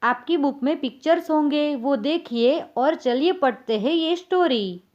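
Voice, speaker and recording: Lady teacher reading english lines slow then explaining in hindi, high voice, bit dull lo-fi sound. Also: animated, darkish tone. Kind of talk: bilingual textbook lesson.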